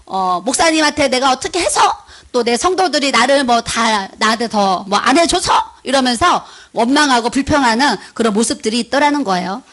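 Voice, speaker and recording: Brief: middle-aged female preacher, high voice, lively storyteller who voices the people in her anecdotes. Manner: storytelling, acting out quoted dialogue. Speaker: pastor's wife preaching. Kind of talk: sermon. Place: church sanctuary.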